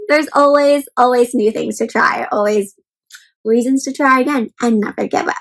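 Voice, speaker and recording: On a low-quality recording, a woman with a somewhat high voice reads a picture book aloud at a moderate pace. It's an interactive session: she encourages the children with simple, expressive phrases and asks them questions.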